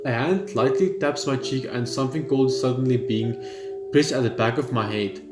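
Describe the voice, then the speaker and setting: A gaming video host reads story text aloud and comments while playing, stumbling on words here and there. His voice is medium-pitched and moves at a normal speed. Faint game music and a roomy echo fill the recording.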